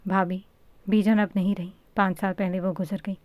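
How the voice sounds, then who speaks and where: Storybook: woman reading sad, gentle mother, soft pleading tone. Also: medium pitch, flat delivery, dry recording, close to an everyday voice. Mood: tearful. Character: gentle grieving middle-aged mother.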